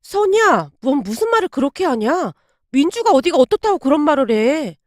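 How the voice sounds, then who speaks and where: A woman's voice: high-pitched, very animated, brisk, a little mellow, no room sound, studio quality. A woman playing a frank, loyal young friend. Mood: firm. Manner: firm, scolding.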